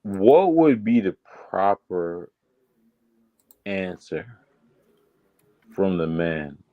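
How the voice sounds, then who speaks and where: A man's voice: low-pitched, big pitch swings, extremely slow, narrow, tinny audio. A man in a casual live chat, laid-back and slangy in the way he talks.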